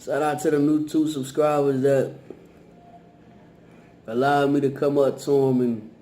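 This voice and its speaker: A man's voice: medium pitch, little pitch movement, unhurried, warm tone, a little hiss or hum. A man chats casually and slangily to the camera, chewing while he talks. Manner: colloquial slangy talk. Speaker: vlogger and YouTube host. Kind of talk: casual mukbang chat to camera.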